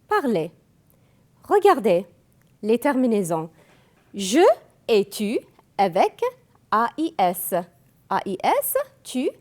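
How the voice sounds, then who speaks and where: A woman whose first language is Arabic, teaching French grammar slowly, spelling out verb endings and repeating each form. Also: a little high. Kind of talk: classroom grammar lesson.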